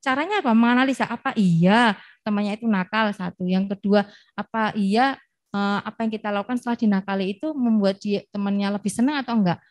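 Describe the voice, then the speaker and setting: A middle-aged woman speaks as a talk show guest on early childhood. She explains patiently and steps through worked examples, with a mid-pitched voice in a dry, close sound. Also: fairly quick, darkish tone, no room sound. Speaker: early childhood education expert.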